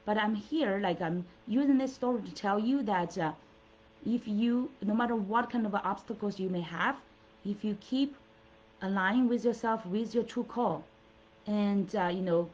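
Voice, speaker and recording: A middle-aged woman from China, native in Mandarin, coaches and hosts an earnest, encouraging motivational talk, full of fillers and restarts. Her mid-range voice moves at normal speed with a darkish tone, captured on dull lo-fi audio.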